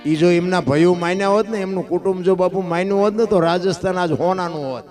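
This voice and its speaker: A man giving a devotional folk discourse as a storyteller, firing rhetorical questions and swinging between loud and hushed. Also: sits high, fast talker, soft background music.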